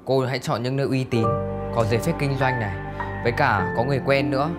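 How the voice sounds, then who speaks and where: A young man playing a calm, clever detective who explains and gives advice. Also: mid-range voice, fast, over loud music, lightly acted.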